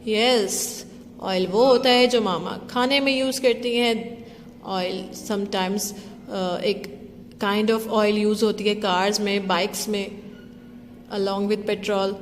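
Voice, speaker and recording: Slow, echoing woman teaching phonics. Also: mid-range voice, fairly even intonation, a little hiss or hum. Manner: slow, drawn-out sounding of letters, mixing English and Hindi-Urdu. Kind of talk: phonics lesson for young children. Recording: long reverb.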